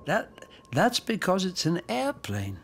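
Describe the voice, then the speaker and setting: An actor voicing a small, gentle male caretaker creature in a preschool cartoon, speaking softly and patiently. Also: sits high, huge pitch swings, unhurried, creaky, full character voice. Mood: calm. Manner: soft, patient and reassuring. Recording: music bed under dialogue.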